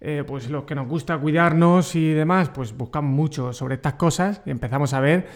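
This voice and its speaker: A man's voice: on the high side, moderate pace. A man hosting a podcast interview, asking questions in a conversational, hesitant way with a ready laugh. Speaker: podcast host.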